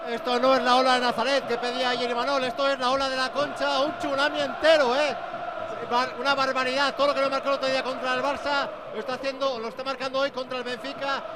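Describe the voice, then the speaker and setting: A male football reporter speaks at a very high pitch in a live report. Stadium crowd and clear noise sit behind his voice. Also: flat delivery, fast talker.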